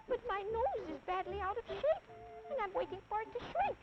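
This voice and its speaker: Woman voicing a squeaky, eager young elephant calf. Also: very animated, moderate pace, very noisy. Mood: polite. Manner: eager, extremely polite, squeaky. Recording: dull lo-fi 1950s TV kinescope.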